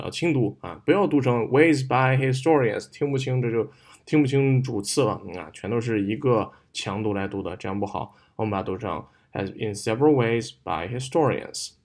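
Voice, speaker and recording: Male tutor with a Mandarin accent, mid-pitched voice, patient recorded walkthrough that drops into English examples. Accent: Mandarin Chinese. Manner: explains words patiently, switches between Chinese and English, models stress and pauses. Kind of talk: recorded lesson explaining a reading passage.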